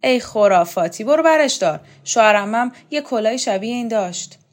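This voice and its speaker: A brash, commanding woman from an audiobook novel, as the female reader plays her. She snaps loud, harsh and dismissive, and scorn colors every line. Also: a little high, lively intonation, pitched above the performer's own voice, natural voice. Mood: teasing.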